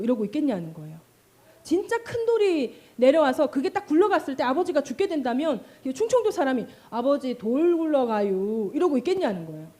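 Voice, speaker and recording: A middle-aged woman preaching a sermon in a high, very lively voice that swoops up and down. Her tone is mellow rather than bright. She tells stories with energy, acting out calls and cries, and keeps asking the congregation questions. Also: slightly rough. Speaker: pastor.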